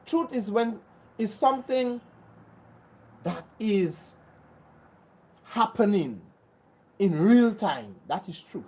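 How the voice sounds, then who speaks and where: Speaking earnestly to viewers, this Grenadian livestream host has a warm, medium-pitched voice on a rough recording. In a casual livestream chat answering viewers, he keeps repeating and restarting phrases, sounding insistent and preachy.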